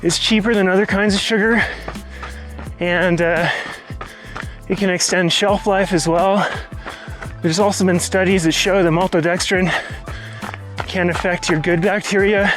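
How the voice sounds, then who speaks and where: High-voiced man in a casual vlog. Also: steady tone, unhurried, a bit bright, faint music behind. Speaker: vlog host. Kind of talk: casual, explanatory vlog talk. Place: outdoors on a trail.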